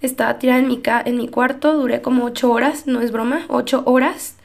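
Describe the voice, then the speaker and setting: A young woman giving an earnest, emotional personal faith testimony with pauses. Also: a little high, steady tone, gravelly. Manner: earnest, emotional storytelling with pauses and soft laughs.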